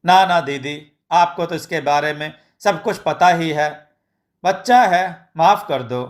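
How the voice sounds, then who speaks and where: A man's voice: a little high, takes it slowly. A man voicing a patient village mother who pleads and apologizes for her son. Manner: pleading and soothing.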